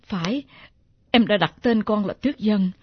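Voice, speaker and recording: A woman's voice: medium pitch, unhurried, slightly rough, dry recording, lo-fi sound. A pleading middle-aged mother. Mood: sorrowful. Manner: earnest, pleading. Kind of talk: radio drama acting.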